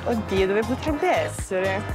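A woman's voice: medium pitch, animated, slow pace. A woman in her twenties, a reality show contestant, talking in a bubbly, giggly, playful way. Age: 20s. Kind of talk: reality TV confessional and chat. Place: outdoors by a pool, then a city square. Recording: music bed behind the voice.

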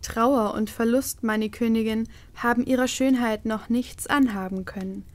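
A woman reading a storybook voices a male magic mirror spirit bound by an oath, speaking slowly and formally. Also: a little high, fairly even intonation, no room sound, lightly acted. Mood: solemn. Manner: slow, measured and formal.

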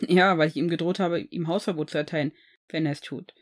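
A woman's voice: low-pitched, steady tone, fast talker, voice pushed down. A woman reading the lines of a tall, friendly young man who is a little awkward and rambles when explaining.

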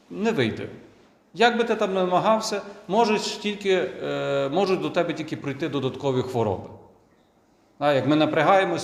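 A man, a priest, giving a conversational sermon full of rhetorical questions. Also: on the high side. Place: church. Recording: echoey church with long reverb.

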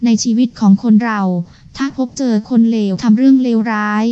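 A woman's voice: a little high, fairly even intonation, mellow, clear, resonant tone, lightly acted. Ma Lan, a woman reading a quarrelsome older mother. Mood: scornful. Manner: scolding, complaining, slow and insistent. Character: quarrelsome superstitious older mother, petty and loud. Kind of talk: audiobook character voice. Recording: dull lo-fi recording.

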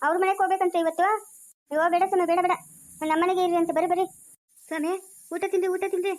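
A woman acting out a fussing village woman with a rural Chikkaballapur Kannada accent, who chatters, coaxes and scolds. Her voice sits very high and races along at a breakneck clip. The skit is an amateur village drama. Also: level tone, a little mellow. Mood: coaxing. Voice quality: quick chattering, coaxing and scolding. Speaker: actor in a family village skit.

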